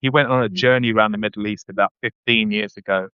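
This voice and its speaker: A man talks in a low, unhurried register, reflecting aloud and circling back with ums and restarts. The audio sounds dull and dry, as if recorded close in a small, muffled space. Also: fairly even intonation, clean tone, no room sound. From London, England. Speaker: guest, running writer. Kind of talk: casual interview conversation.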